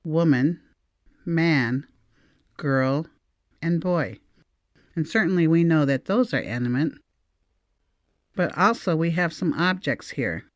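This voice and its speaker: A woman teaching a recorded language lesson, saying each word slowly and repeating it for learners to copy. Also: deep voice, expressive, no echo.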